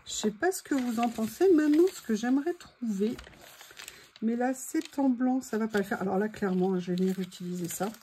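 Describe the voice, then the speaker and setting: A woman with a slightly high, brisk, dark-toned voice hosts a craft video, chatting casually and thinking aloud as she works. Her voice is starting to give out, and she clears her throat. Faint background noise is audible.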